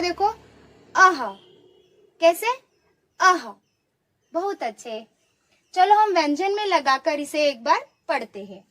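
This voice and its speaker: Leading an online lesson for small children, a primary school teacher speaks with a very high, fairly bright voice. She prompts the children to repeat sounds after her and praises them for every answer.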